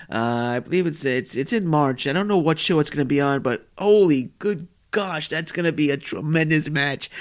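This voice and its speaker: A man hosting a solo wrestling podcast, excitable and rambling, with lots of fillers and restarts. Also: medium pitch, dull audio. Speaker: podcast host.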